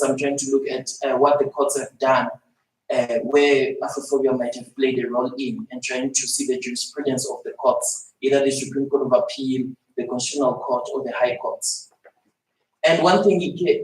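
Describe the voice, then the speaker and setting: A young man, a student, giving hesitant but earnest remarks full of fillers at a panel discussion. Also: medium pitch. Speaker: student speaking from the floor. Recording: echoey hall, far from mic, faint noise.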